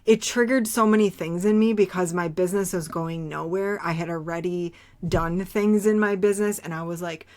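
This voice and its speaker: A woman with a somewhat low voice hosts a podcast in a loose, rambling monologue. She speaks candidly and curses without holding back, circling her points with fillers and restarts. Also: moderate pace, hardly any pauses, darkish tone. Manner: candid, blunt, swears freely. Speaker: podcast host. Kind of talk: casual spiritual monologue.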